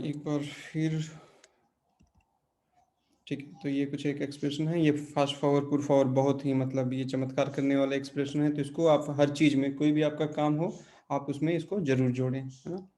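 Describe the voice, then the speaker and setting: A man's voice: medium pitch, little pitch movement, normal speed, warm tone. A man teaching a language class online, explaining grammar patiently and checking often that his students follow.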